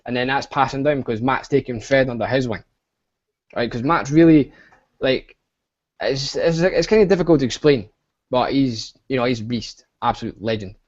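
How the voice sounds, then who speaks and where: A man's voice: medium pitch, moderate pace, lo-fi sound. A young Scottish man hosting an online webinar, talking in a hyped, rambling way with lots of fillers. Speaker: webinar host. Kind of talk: casual online webinar pitch. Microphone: video call.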